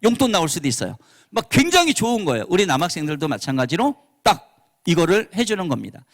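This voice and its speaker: Middle-aged male pastor lecturing teachers, high lively voice, acts out bits of dialogue. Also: quick pace. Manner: animated, acts out quoted dialogue. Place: church hall.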